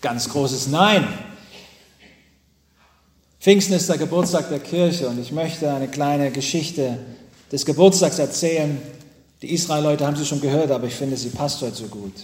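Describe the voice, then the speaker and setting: A man preaching a sermon from the pulpit to his congregation, telling stories with dramatic pauses and emphatic repetitions. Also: on the high side. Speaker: pastor. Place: church with pulpit. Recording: echoey church hall.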